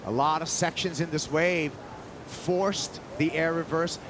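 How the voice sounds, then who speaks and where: A man's voice: fairly high pitch, steady tone, a little slow, background noise. A man calling a live surf contest as an announcer, in a laid-back surfer manner with plenty of surf slang. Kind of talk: live sports commentary.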